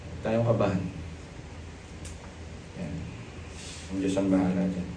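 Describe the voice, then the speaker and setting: A middle-aged man with a Filipino accent preaching a sermon, animated and joking, mixing Tagalog with English. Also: low voice, a little slow, far from the mic, background noise. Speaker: pastor. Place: church hall. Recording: echoey church hall, from off the mic.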